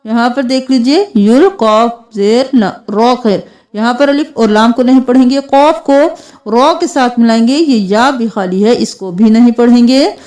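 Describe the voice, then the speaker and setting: A woman teaching a tajweed reading lesson. She draws each recited word out slowly, then spells out the letters in quick plain explanations. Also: fairly high pitch, darkish tone.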